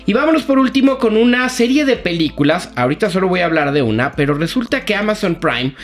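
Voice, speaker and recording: Speaking fast in a high voice with big pitch swings, a Mexican-accented man plays critic on a talk show. His review is casual and colloquial, recounting plots as slangy gossip, with faint music behind him.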